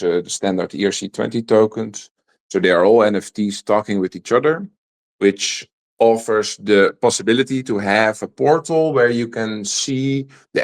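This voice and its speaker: Man, Dutch accent, Dutch native speaker, host, low-pitched, halting delivery full of filler ums. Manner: hesitant, many filler ums. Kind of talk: live online panel talk.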